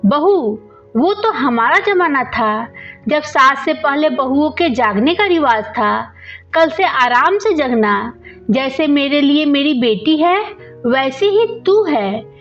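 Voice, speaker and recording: Storybook figure: a doting, insistent older mother-in-law voiced by a woman, high and unhurried, dull lo-fi sound with faint music. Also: expressive, fairly bright tone, full character voice. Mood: affectionate. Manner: affectionate, coaxing.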